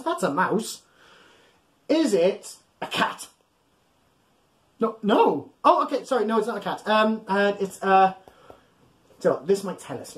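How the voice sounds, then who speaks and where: In a small room at home filled with soft toys, a bedtime storyteller in his thirties reads to young children with a high, slightly bright voice. He is playful, exaggerated and encouraging, pausing and putting questions to his listeners.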